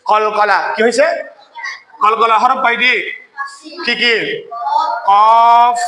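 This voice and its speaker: A male recitation teacher with a high, bright voice, quizzing his class question after question. He keeps checking whether the students have understood. The sound is roomy and echoing. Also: flat delivery, slight background noise. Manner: chants verses slowly when demonstrating recitation. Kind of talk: classroom tajweed lesson.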